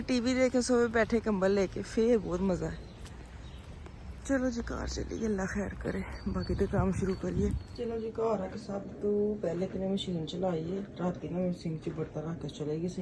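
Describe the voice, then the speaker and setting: A woman's voice: mid-range voice, background noise. A woman from Pakistan with a Punjabi accent, chatting casually to her viewers as a vlogger and narrating her daily errands. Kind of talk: casual vlog chat.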